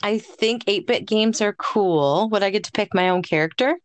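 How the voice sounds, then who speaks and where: A woman co-hosting a casual podcast chat, speaking in a gentle, encouraging and thoughtful way. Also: mid-range voice, moderate pace, dry recording. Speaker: podcast co-host.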